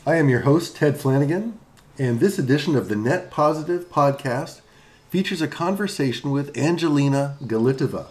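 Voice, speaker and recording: A man hosting an interview podcast, friendly and conversational. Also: normal speed. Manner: friendly, conversational, lively pitch. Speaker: podcast host.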